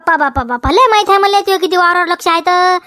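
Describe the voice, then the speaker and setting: Playing a combative village wife in a comic sketch, this woman speaks with a Vidarbha Marathi accent, defiantly arguing, repeating her questions and adding "हा?". She sounds extremely high-pitched, fast and sharp, in studio-quality audio without room sound.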